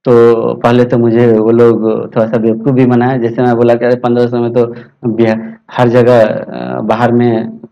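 A young man in a casual, rambling talk to his viewers, tagging his sentences with quick checks that they follow. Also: mid-range voice, monotone, mellow, highs cut off. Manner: chatty, rambling, many "theek hai" tags. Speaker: YouTube educator sharing exam interview experience. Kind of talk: casual talk to viewers over a screen recording.

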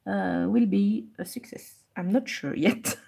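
This husky, mid-range voice belongs to a live coloring stream host who takes things slowly. Teaching bilingually, she moves between French and English, repeats each step, reads chat messages, and murmurs softly while focused on her coloring.

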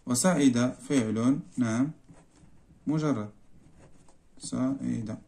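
A man with a Moroccan Arabic accent, a primary school teacher going through a worksheet and repeating each word slowly, drawn out for the pupils. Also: mid-range voice, creaky, warm tone. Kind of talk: explaining a worksheet lesson.

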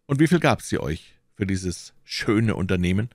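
A man's voice: sits low, very animated, normal speed, a little mellow, no echo, studio quality. A man voicing a bold young officer who speaks in a stern, commanding way in an audiobook.

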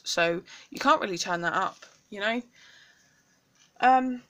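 A woman's voice: mid-range voice, bright, forceful tone, a little hiss or hum. Chatty young British woman showing a craft haul. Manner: chatty and enthusiastic, with frequent ums. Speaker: craft vlogger. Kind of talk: casual craft haul show-and-tell.

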